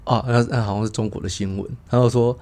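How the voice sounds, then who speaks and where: A man's voice: lowish voice, fairly even intonation, fast talker, a little mellow. A young man, co-hosting a casual chat, teasing, joking and stammering over repeated words. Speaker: podcast co-host.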